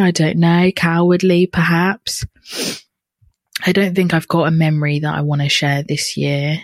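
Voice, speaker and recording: A woman hosting a podcast, speaking reflectively in a soft, hesitant way with pauses and ums. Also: low-pitched, dry recording. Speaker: podcast host.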